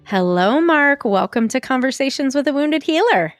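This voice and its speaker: Encouraging woman host, soft guitar behind. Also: sits high, expressive, moderate pace. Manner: warm, laughs often, encouraging. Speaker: podcast host. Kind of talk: interview hosting and ad read.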